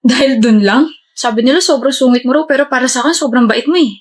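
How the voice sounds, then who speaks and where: A woman's voice: high voice, fast. A woman playing a clingy young schoolgirl who earnestly pleads with a boy she adores. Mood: gushing. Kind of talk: comedy skit acting.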